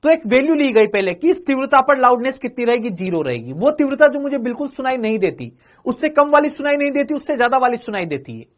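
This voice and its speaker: Talking fast and with big swings in pitch, a notably high-voiced male physics teacher runs an exam-prep lecture. He calls the class "beta", fires questions at them and then answers those questions himself, saying each phrase two or three times.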